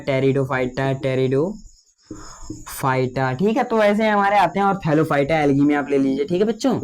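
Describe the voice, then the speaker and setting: Higher-pitched man teaching biology, slow dictation. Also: darkish tone. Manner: slow, drawn-out dictation of key terms; repeats fillers addressing students as children. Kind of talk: lecture.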